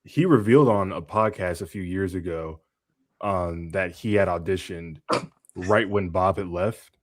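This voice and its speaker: A male voice artist in a casual group chat, measured and explanatory with fillers. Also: sits low, a little hiss or hum. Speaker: voice artist, panel regular.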